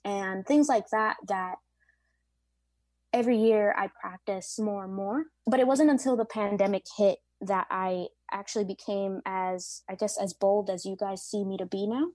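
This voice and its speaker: Her mid-range voice is darkish and fairly even, at normal speed with no room sound. She's a late-twenties pastry chef in an interview conversation, reflecting earnestly and often using fillers.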